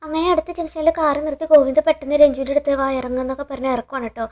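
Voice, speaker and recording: A woman's voice: sits high, steady tone, rapid-fire, darkish tone. A woman retelling a TV serial episode in a chatty, casual way, often adding a tag word for the listener. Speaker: serial recap narrator.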